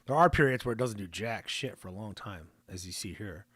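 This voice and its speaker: A man's voice: fairly low pitch, expressive, a little fast, a bit bright, husky, no echo. Chatty man hosting a livestream. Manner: chatty, joking, reads viewer comments aloud. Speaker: livestream host. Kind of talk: casual live-stream commentary.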